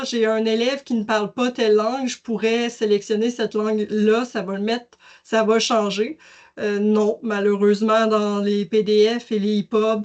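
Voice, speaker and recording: Chatty Québécoise woman demoing software. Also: fairly high pitch. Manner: casual, explanatory, many fillers and restarts. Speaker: educational services presenter. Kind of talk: webinar software demonstration.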